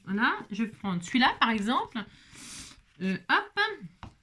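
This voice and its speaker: A woman's voice: on the high side, very animated, unhurried, pushed and bright. A woman chatting casually through a crafting tutorial, exclaiming often and dropping little interjections as she works. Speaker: crafting vlogger.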